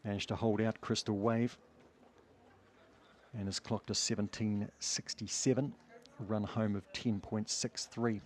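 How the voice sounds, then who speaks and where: A man's voice: lowish voice, flat delivery, a little slow, pauses often. A man with a broad New Zealand accent giving live greyhound race commentary in a clipped running call of positions.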